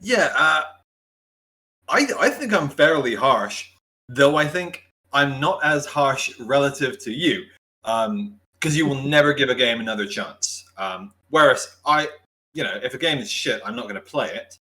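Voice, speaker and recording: A man's voice: medium pitch, animated, unhurried, bright, forceful tone. A man, a recurring guest on a casual gaming discussion, speaking from home over a video call, hesitant and repeating words as he starts.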